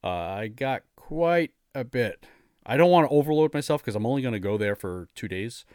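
A man's voice: medium pitch, lively intonation, normal speed, darkish tone, clear, resonant tone, no echo, clean studio sound. A man co-hosting a casual podcast chat, eager and chatty, sometimes stumbling over names. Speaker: podcast co-host.

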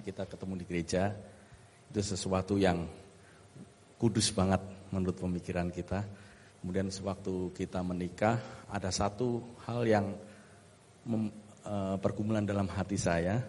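A man's voice: lowish voice, dark tone, a little hiss or hum. Earnest male pastor in a reverberant church. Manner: earnest storytelling, with slips and restarts. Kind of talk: sermon testimony.

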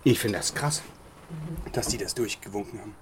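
This podcast co-host has a lowish voice and talks at a normal speed, chatting casually, joking, rambling, and laughing often. Dishes clink amid the background noise.

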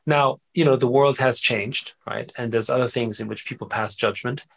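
A middle-aged man from Austria talks as a guest in a relaxed interview. His voice is low-middle, gravelly and a bit husky. He tells stories with plenty of energy and keeps checking in with his listener. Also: normal speed. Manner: animated storyteller, frequent "right?" and "you know" tags. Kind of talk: casual conversational interview.

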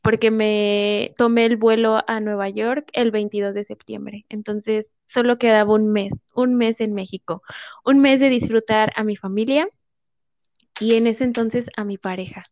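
A young Mexican woman telling her story in a casual interview, acting out what people said with lively quoted voices. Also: a little high, unhurried. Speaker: guest. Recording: muffled lo-fi audio.

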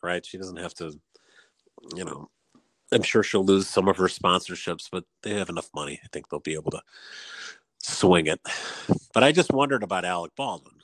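A man's voice: sits low, no echo. A man in casual chat, telling stories and laughing often. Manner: chatty storyteller, laughs often.

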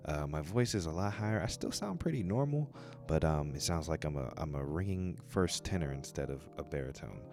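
A man's voice: a bass voice, lively intonation, a little fast, over music. A man hosting a podcast, giving a casual, chatty introduction spoken straight to the listeners. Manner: chatty, direct address to listeners. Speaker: podcast host.

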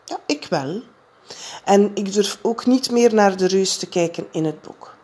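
A woman voicing a small scared little boy in a high childish voice. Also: unhurried, warm tone, husky. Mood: fearful.

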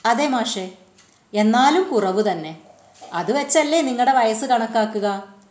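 A woman voicing a gentle, patient alien boy who explains his world. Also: a little high, expressive, measured pace. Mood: explaining. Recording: roomy echo.

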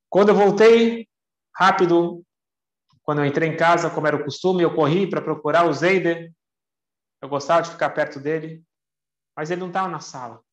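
A man's voice: a little high, lightly acted. A man voicing a tearful young man who earnestly retells memories of his grandfather in the first person. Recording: echoey room, dull lo-fi sound.

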